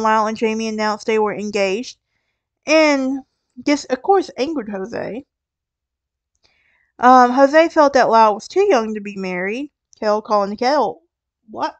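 Southern woman hosting a true crime podcast: smooth, clear voice, casual storytelling with wry asides. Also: fairly high pitch, no room sound. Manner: conversational, with asides and restarts. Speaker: podcast host.

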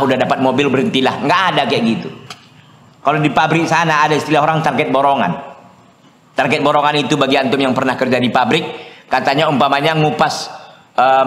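Ustaz bersuara agak tinggi, ruangan bergema. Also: male voice, fairly high pitch. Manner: lively preaching with rhetorical questions to the audience. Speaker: Islamic preacher. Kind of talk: religious study lecture. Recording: echoey lecture room.

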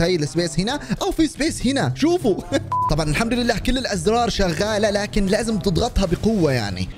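Guy yelling over his game, super quick and bouncy, music going behind. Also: high-pitched. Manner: animated, laughing, shouting at the game. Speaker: gaming YouTuber. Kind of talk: excited gameplay commentary.

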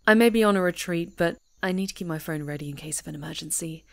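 An ASMR roleplay performer, a young adult woman with a fairly low, creaky voice, plays a friendly young woman camping alone on a retreat in a scripted audio piece. She's chatty, teasing, and quick to laugh.

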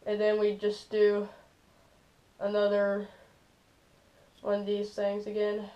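A teenage boy hosts a casual fishing how-to from a small bedroom for his fishing channel, speaking loosely with lots of "like" and "stuff like that." His high-pitched, dark-toned voice is completely flat and slow, recorded with dull lo-fi camera audio.

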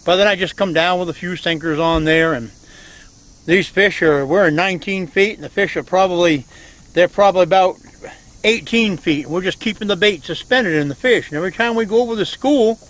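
A man's voice: sits high, a little fast, a bit bright, low-quality recording. Folksy older man on a lake. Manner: folksy, chatty, teasing. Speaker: fishing show host. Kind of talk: casual outdoor show commentary. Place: on a boat on a lake outdoors.

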